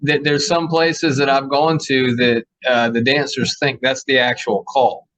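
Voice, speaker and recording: A man's voice: medium pitch, flat delivery, measured pace, a bit bright, low-quality recording. A middle-aged man hosting an interview, talking in an easygoing, agreeable way. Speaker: podcast host, square dance caller. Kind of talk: casual interview chat.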